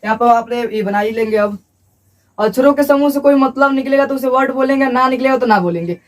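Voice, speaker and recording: A man's voice: extremely high pitch, brisk, recorded from a distance. A male teacher giving a classroom lecture at a board, repeating points and asking and answering his own questions.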